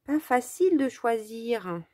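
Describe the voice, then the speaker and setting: A woman's voice: fairly high pitch, expressive, takes it slowly, warm tone, no echo. A French woman with a French accent chats casually to her viewers as she crafts, hesitating often and thinking aloud with many fillers. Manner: talks straight to her viewers. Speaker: crafting vlogger. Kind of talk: casual craft-along chat.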